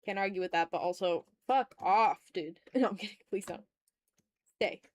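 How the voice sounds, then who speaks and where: While drawing on an art livestream, an illustrator hosting the stream chats casually with her viewers, joking around and swearing a little. Her voice sits in the mid-range and moves at a normal speed.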